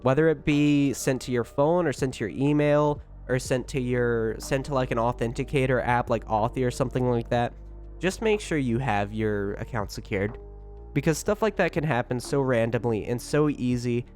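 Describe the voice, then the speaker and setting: A man's voice: medium pitch, moderate pace, a little mellow. A man hosting a casual livestream, rambling on chattily and informally to his chat. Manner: rambling, chatty, keeps talking; informal, with swearing. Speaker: livestream host talking to chat. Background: music.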